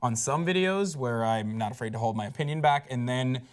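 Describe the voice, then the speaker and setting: A man co-hosting a pop culture show, chatting casually and sounding animated and incredulous, with lots of "like"s. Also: mid-range voice, brisk. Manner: animated, incredulous, rambling with many "like"s. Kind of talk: casual panel chat.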